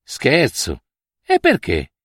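A man voicing a gruff, scornful old landowner in an audiobook story, brusque and commanding. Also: a little high, wildly swooping pitch, slow, fairly bright tone, dry recording, studio quality, full character voice.

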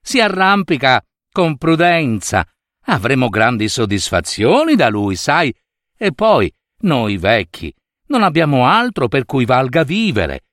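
A man's voice: medium pitch, unhurried, no room sound, studio quality. A man voicing an eager, impulsive older mother snail in a storybook reading. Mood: coaxing. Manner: excited, wistful.

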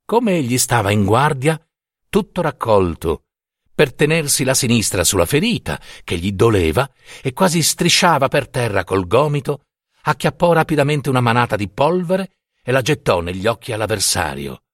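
A man's voice: medium pitch, very animated, normal speed, no room sound, studio quality. A man narrating a classic short story in a dramatic, theatrical reading.

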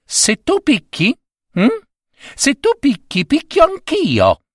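A man's voice: extremely high pitch, wildly swooping pitch, slow, dry recording, clean studio sound, voice pushed up, exaggerated voice. A man voicing a timid peasant wife in a folk tale, pleading in a raised voice and stammering when scared.

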